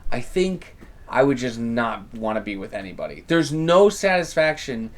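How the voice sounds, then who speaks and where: A man's voice: medium pitch, moderate pace. A young man hosting a casual podcast chat, ranting animatedly and swearing freely. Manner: swears a lot, animated rants. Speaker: podcast host.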